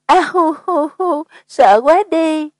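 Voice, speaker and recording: A fearless young woman from an audiobook horror tale, teasing and flippant, as a woman reader puts her on. The voice sits brighter and higher than the narration. The recording is dry and close. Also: lively intonation, a little slow, dry recording. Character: playful bold young woman, unflappable.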